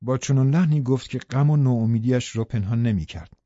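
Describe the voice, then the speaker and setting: A man narrating a classic novel as an audiobook in a measured, even storytelling manner. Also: medium pitch, dry recording, muffled recording. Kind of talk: scripted literary narration.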